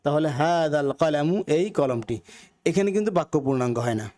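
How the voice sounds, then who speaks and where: A man's voice: fairly high pitch, animated, brisk, darkish tone. A man teaching a recorded Arabic grammar lesson, carefully sounding out words and repeating them with their meanings for learners. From Bangladesh. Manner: repeats phrases for learners to follow.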